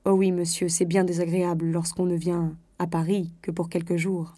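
A humble old priest in a storybook reading, as a woman narrator voices him. He murmurs softly and hesitantly, in a warm, mellow tone with a dry, close sound. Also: on the low side, level tone, moderate pace, dry recording, natural voice.

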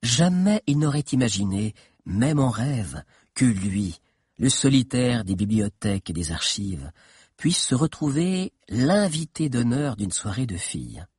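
A man narrating a story expressively in an audiobook, with a husky voice. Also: medium pitch, sing-song, a little slow, darkish tone, no room sound, clean studio sound.

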